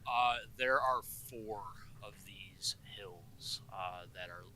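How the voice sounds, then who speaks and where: A man running a tabletop game as game master, improvising narration in a hesitant, halting way. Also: fairly low pitch, pushed and bright, a little hiss or hum, rough recording.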